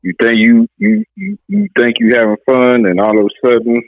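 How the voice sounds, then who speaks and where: A man chatting casually in halting, repetitive street slang over a narrow phone-like line. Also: mid-range voice, big pitch swings, dry recording. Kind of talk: casual chat.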